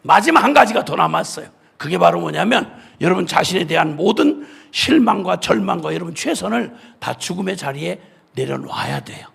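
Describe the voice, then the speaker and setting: A male missionary preacher giving an impassioned sermon at a revival meeting, often shouting, with a gravelly, husky voice. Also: sits high, big pitch swings, moderate pace.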